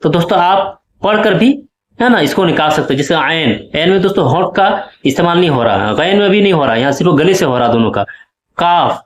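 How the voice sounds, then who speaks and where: A man's voice: fairly high pitch, animated, fairly quick, reverberant. A male teacher explaining exam questions step by step and often checking that his students follow. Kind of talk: exam-prep lesson.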